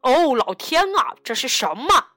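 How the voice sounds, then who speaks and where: A woman's voice: high-pitched, sing-song, a little slow, sharp tone, no room sound, clean studio sound, soft background music, heavily acted. A woman voicing a grown bunny father who sounds flustered and a bit worried in a storybook. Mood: startled.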